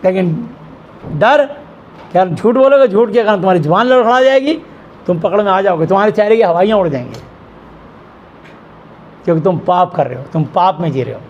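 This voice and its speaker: A middle-aged male pastor preaches with strong emphasis, his voice sitting notably high for a man. He asks pointed questions and answers them at once. A faint hiss of noise runs beneath his speech. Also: a little mellow, lo-fi sound. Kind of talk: sermon. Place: church hall with a congregation.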